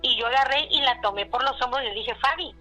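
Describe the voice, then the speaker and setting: A woman's voice: fairly high pitch, fast talker, bright, forceful tone, soft background music, rough recording. A woman with a Mexican accent telling a personal story in a rambling, casual way. She keeps repeating "le digo" and "dice" and uses fillers like "este".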